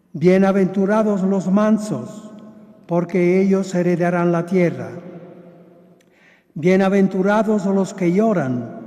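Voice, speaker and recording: A man, a priest, reads the gospel and then talks to children in a slow, measured way, chanting the set liturgical phrases. His voice carries a long church reverb, as in a cathedral, and is picked up from some distance. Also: high voice, mellow. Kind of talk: gospel reading and children's homily. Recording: echoey church sound from the mic's distance.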